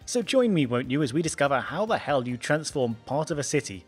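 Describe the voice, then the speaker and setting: A man reading a scripted documentary voice-over in a brisk, wry, emphatic way, with faint music behind. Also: mid-range voice, big pitch swings, breathy edge. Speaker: narrator.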